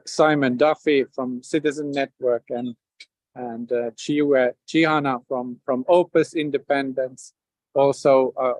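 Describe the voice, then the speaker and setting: Finnish man hosting, halting and dry. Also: medium pitch, no room sound, poor audio. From Finland. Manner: halting, many repeated words and fillers. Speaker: host. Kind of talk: hosting a community video event.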